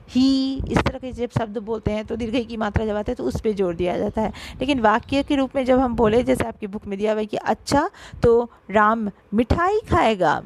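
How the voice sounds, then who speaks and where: A woman teacher giving an online grammar lesson, talking straight to her pupils and slowing down to spell out sounds. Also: on the high side, vocal fry, background noise. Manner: explanatory, addresses pupils directly, stresses syllables slowly.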